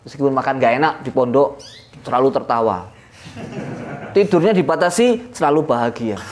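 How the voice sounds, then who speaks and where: A man with an East Javanese accent leading an informal religious lesson for boarding school students, telling stories in a lively way with sudden jumps in pitch and chuckles. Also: moderate pace. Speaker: Islamic boarding school leader teaching a classical text.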